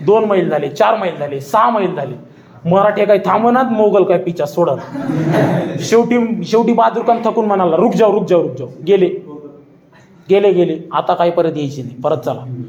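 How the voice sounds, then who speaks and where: A man's voice: sits high, expressive, moderate pace, a little mellow, highs cut off. A man giving a storytelling history lecture, dramatic and repetitive, acting out voices. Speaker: public speaker. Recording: echoey hall.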